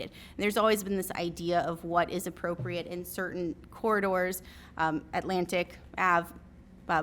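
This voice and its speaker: Low-voiced woman giving earnest public comment. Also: a bit bright, slight background noise. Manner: measured and earnest, with some restarts. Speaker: public commenter at a county zoning hearing. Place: county commission chamber at a podium.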